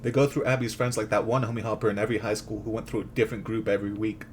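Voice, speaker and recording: A man hosts a scripted comedic rant recapping a video game, full of sarcastic, crude, slangy jokes. His voice is lowish and level, delivered rapid-fire. There is slight background noise.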